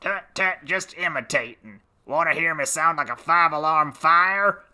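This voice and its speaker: A man's voice: on the high side, sharp tone. A man voicing a whiny pet parrot. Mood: scheming. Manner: whiny, pleading, slow and drawn out. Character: sulky talking pet parrot, male, wheedling. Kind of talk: storybook record acting.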